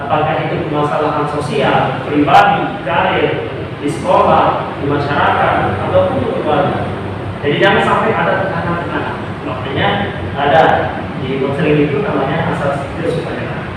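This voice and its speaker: A man's voice: on the high side, normal speed. A male school counselor leading a group counseling session, patiently explaining and checking that everyone understands. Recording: echoey room from far off, noisy.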